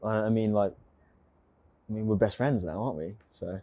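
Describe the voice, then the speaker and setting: A man's voice: lowish voice, normal speed, no room sound, muffled recording. A young man from England with a southern English accent, a guest in a casual chat who jokes about himself and often says "um" and restarts his sentences. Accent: English, from near London. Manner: joking and self-mocking, many fillers and restarts. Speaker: guest, rugby player.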